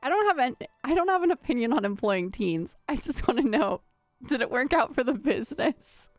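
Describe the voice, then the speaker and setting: A woman's voice: sits high, animated, fairly quick, no echo, soft background music. A young woman streaming a video game, chatting playfully, giggling often and swearing freely. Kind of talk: casual gameplay commentary.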